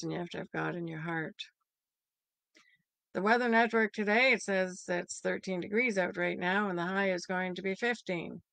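Older woman, church devotional host on a webcam, gravelly and slightly low. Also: no echo. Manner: plain, steady reading of numbers and scripture. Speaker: church leader giving daily devotion. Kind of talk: daily devotional and local news update. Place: home office by a bright window. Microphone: webcam at desk.

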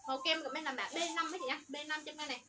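Woman, livestream seller, high voice, breakneck pace, noisy room behind her. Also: steady tone, very fast. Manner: rattles off product codes and sizes, upbeat selling. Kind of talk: fast livestream sales pitch.

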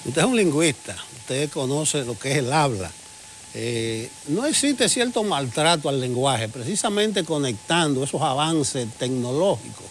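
A man's voice: medium pitch, lively intonation, unhurried, a little hiss or hum. A man hosting a morning television interview, asking probing, conversational questions. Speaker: TV interviewer host.

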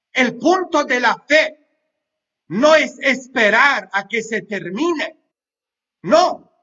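A priest preaches a homily in a lively, joking way, tossing quick questions and asides at his listeners. His voice sits high and bright, and he takes his time over the words. The recording is dull and lo-fi. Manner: half-sings song lines loudly. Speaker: pastor. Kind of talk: sermon.

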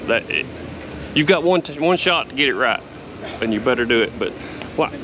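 A man's voice: mid-range voice, lively intonation, moderate pace. A man, a farmer vlogging casually and plain-spoken at a trade show, filmed close up. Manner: folksy, plain-spoken, enthusiastic. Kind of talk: casual walk-and-talk vlog. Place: large indoor trade show hall. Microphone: handheld camera close to face. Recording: noisy trade show floor. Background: crowd chatter and hall noise.

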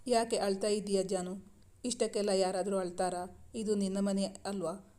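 A woman's voice: medium pitch, little pitch movement, moderate pace, dark tone, close to an everyday voice. Woman reading as a coaxing young husband. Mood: soothing. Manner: coaxing, playful. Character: affectionate teasing young husband.

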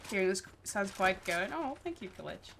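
A young woman from the Netherlands chats and laughs through a casual game livestream, reading her chat out loud in a Dutch accent. Her medium-pitched voice is sing-song at normal speed, with clear background noise.

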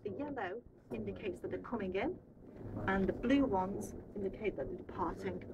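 Leading a visiting group through an indoor radar control room, a young female air traffic controller explains things informally and checks understanding with frequent tag questions. She talks at medium pitch and normal speed. The audio is dull, taken off-mic by a handheld camera a short distance away amid loud room noise.

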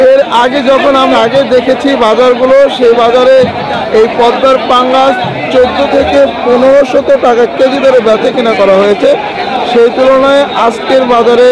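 A man giving a walking commentary to viewers, steadily explaining what he sees while filming on a phone at an outdoor fish market. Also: very high-pitched. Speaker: market vlogger. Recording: loud crowd noise at a market. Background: loud crowd of traders.

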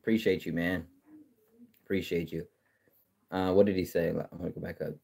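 A man with a fairly low voice hosts a loose, casual livestream, reading out viewer comments. He swears freely and talks trash, stumbling over restarts as he goes. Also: normal speed, gravelly, husky. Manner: profane, excitable, trash-talking, frequent restarts. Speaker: livestream host. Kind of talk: casual live-stream chat reading comments.

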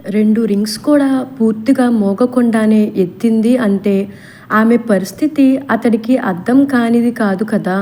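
Soft-toned woman narrating an audiobook. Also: a little high. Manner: poetic, emotive storytelling. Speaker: storyteller.

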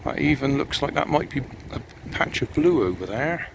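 A man's voice: mid-range voice, lively intonation, moderate pace, gravelly. An older man chats casually and unhurriedly, vlogging outdoors on a windy seafront. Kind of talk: casual outdoor vlog commentary. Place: outdoors on a windy seaside breakwater. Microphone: handheld camera microphone. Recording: wind noise buffeting the microphone outdoors.

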